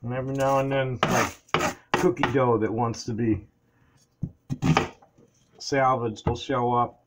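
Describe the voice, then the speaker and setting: An older man talks his way through a recipe in a small home kitchen, rambling and chatty as he chops and measures. His voice sits in a middle pitch. A camera on the counter picks it up along with faint clicks of utensils. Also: flat delivery, slow, background noise. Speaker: home cook vlogger. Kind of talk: casual cooking chat.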